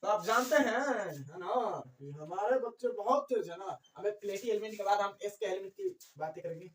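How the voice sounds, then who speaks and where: A woman's voice: medium pitch, animated, a little fast. A woman biology teacher giving a classroom lecture at the board, repeating key words and asking rhetorical questions, dropping in English terms. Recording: echoey room, far from the mic.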